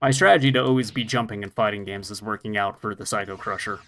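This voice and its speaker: A man's voice: lowish voice, fast, bright, forceful tone. Self-mocking man chatting over gameplay. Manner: self-deprecating, laughs often, swears casually. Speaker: podcast co-host playing retro games. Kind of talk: casual gameplay chat.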